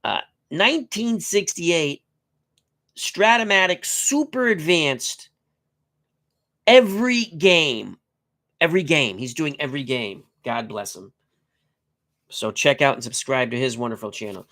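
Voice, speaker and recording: Fairly high-pitched and animated, this middle-aged host speaks at a measured pace with frequent pauses and a pushed, bright quality. He's stuffed up with a cold, joking around on his tabletop baseball live stream as he rattles off player stats and lineups in quick bursts.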